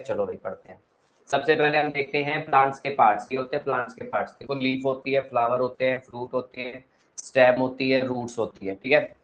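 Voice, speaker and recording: A young man with a north Indian Hindi accent teaches an online class, mixing explanations with teasing and scolding. His voice jumps from loud outbursts to quiet asides. A faint hum of noise sits behind him. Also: medium pitch, poor audio. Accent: Hindi-speaking north Indian. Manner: scolding, teasing banter with students; animated, swings between loud and soft.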